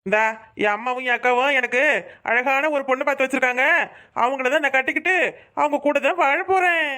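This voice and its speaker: A whiny, dismissive cartoon husband, voiced by a woman, speaks quickly in a high, sharp voice. He brushes his wife off and sides with his mother.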